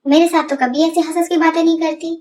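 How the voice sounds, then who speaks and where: A woman's voice: extremely high pitch, fairly even intonation, fast. A woman voicing a jealous, hot-tempered young college man who speaks angrily and makes threats. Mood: jealous, angry. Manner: angry, threatening. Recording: distant voice over loud music.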